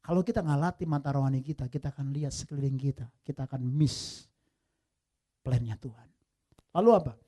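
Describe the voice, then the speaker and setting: A male pastor preaching a sermon, swinging from loud emphatic peaks to soft low asides and mixing in English phrases. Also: a little fast, pauses often. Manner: lively preaching, mixing English phrases, addresses listeners as brothers and sisters.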